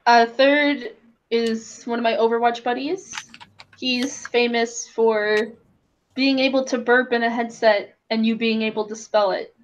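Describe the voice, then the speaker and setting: A woman's voice: on the high side, fairly even intonation, a little slow, highs cut off, a little hiss or hum. A woman hosting a casual drawing stream, introducing her guests in a playful, teasing way with frequent laughs. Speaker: stream host.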